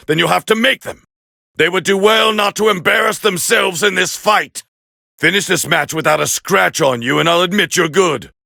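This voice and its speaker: A proud warrior prince from an anime fighting game growls with heavy gravel, sounding forceful and condescending as he comments on battle in clipped, scornful phrases. For a man his voice sits fairly high, and it's a full character performance recorded close and dry.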